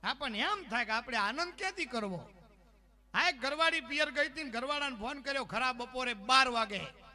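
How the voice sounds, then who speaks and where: A man entertains a live audience with comic stories, slipping into the voices of his characters. His voice sits very high and rings bright and cutting. He talks straight to the crowd through a stage microphone. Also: expressive, moderate pace. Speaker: folk humorist on stage.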